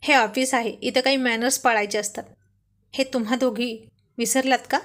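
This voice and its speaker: Woman reads a sharp-tongued young male boss, loud and scolding, a bit high. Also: fairly even intonation, moderate pace, lightly acted. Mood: angry. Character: stern angry male office boss, young husband.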